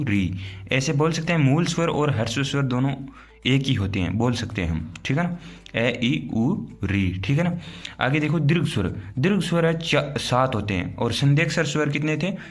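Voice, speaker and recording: A man teaching an exam-prep grammar lesson, explaining step by step and answering his own questions. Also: medium pitch. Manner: explains step by step, often asks "theek hai na?"; asks questions, then answers them himself.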